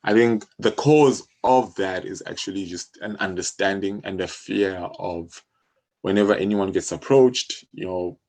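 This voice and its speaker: A music publisher in his thirties with a South African accent explains his work as a guest in a conversational interview. His low voice is a little mellow and measured in pace. He speaks informally, often saying "you know".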